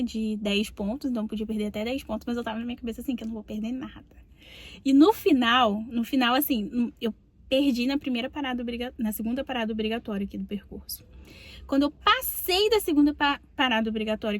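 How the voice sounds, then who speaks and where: A young Brazilian woman, a psychologist and podcast host, telling a personal story in a chatty way, often adding little tag questions. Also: fairly high pitch. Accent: Brazilian Portuguese. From Brazil, Rio de Janeiro state.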